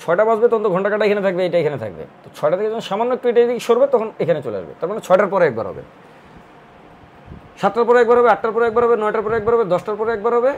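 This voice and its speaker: A man's voice: high-pitched, big pitch swings, rapid-fire, lo-fi sound, slight background noise. A man teaching a recorded math lesson, explaining step by step and repeating counts in rhythmic lists. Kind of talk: online admission-prep math lesson.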